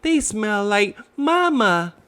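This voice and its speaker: A man's voice: sits high, very animated, slow pace, pushed and bright, pitched above the performer's own voice, heavily acted. A man voicing a sweet, earnest little kangaroo child in a storybook. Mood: eager, sweet.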